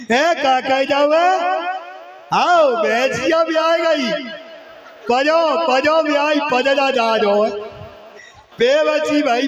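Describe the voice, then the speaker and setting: A man acting out an old village man over sixty who shouts into a phone, dragging out his rustic words. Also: very high voice, distant mic, lo-fi sound, pitched above the performer's own voice, heavily acted.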